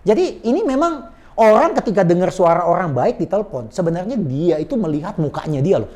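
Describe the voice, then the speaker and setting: A man coaching on sales manners in a lively conversational talk, explaining with quick asides and often addressing his listener politely. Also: sits high. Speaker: sales trainer.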